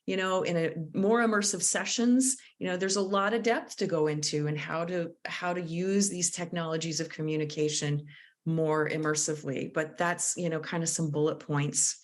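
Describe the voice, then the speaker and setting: A woman's voice: sits low, steady tone, moderate pace. A woman leading a live online workshop on conflict mediation, speaking in a thoughtful, coaching way and sometimes searching for her words over a video call.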